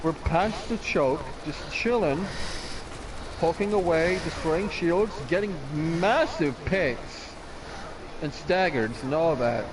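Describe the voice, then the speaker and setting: A man casting a live esports match, animated and chatty with lots of filler words. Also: fairly high pitch, slow. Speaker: esports caster. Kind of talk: live game commentary. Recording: background noise.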